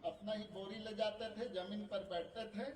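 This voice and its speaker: A man's voice: high voice, fairly even intonation, moderate pace. A man, a school teacher guiding his students through yoga exercises and coaxing them with questions. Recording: echoey room, distant mic, faint background noise.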